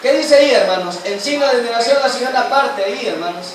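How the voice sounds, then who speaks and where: Repeatedly addressing everyone as brothers, a man leading a church Bible study keeps firing questions at the congregation. He speaks fast in an extremely high voice, and the far-off mic picks up hall echo and a faint hiss or hum.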